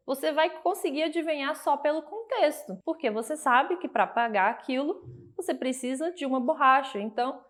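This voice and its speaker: A young Brazilian woman gives a relaxed English lesson, talking in a friendly, chatty way. Her voice sits a little high, and she keeps piling up everyday examples to make each point. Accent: Brazilian Portuguese. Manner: chatty, explains with lots of examples and filler "né". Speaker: English teacher. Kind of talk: casual online lesson.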